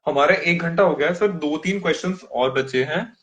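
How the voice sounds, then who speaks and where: A man's voice: fairly high pitch, normal speed, fairly bright tone. A man hosting an online Q&A, asking questions politely and calling his guest sir. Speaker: host. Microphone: video call.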